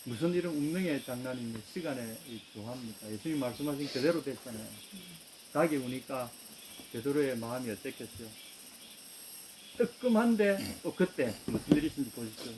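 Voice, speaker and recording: A man's voice: mid-range voice, background noise. A man with a Gyeongsang accent preaching a sermon, retelling a story and addressing the congregation directly. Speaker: pastor.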